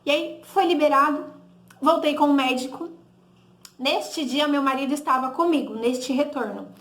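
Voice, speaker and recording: A woman's voice: sits high, normal speed, echoey room. A woman with a Brazilian Portuguese accent giving a personal testimony, recounting conversations with lots of "he said, I said" and little tag questions. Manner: conversational, re-enacts dialogue with "he said, I said"; frequent tag "né?" and self-corrections.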